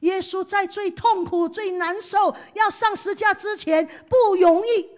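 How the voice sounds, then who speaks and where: Woman pastor, high voice, sermon that swings from hushed to loud. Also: fairly even intonation, measured pace. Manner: leads the congregation in call-and-response, swings from hushed to loud.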